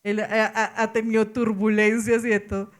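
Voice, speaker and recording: A middle-aged woman pastor with a Colombian accent, telling a story in a sermon, animated and laughing with exclamations. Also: mid-range voice, moderate pace.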